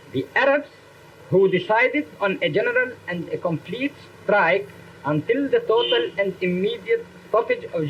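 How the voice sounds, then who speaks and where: A man making a formal, measured statement of grievances, heard from old 1930s newsreel footage. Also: sits high. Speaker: spokesman stating grievances. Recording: dull hissy 1930s newsreel soundtrack.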